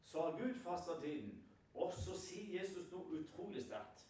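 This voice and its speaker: A man with a fairly high voice preaches a sermon, spinning scripture into a lively story and checking in with the congregation through rhetorical questions. He stands well back from the microphone. His words ring through a very reverberant hall. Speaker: lay preacher. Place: prayer house hall. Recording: very echoey hall, far from the mic.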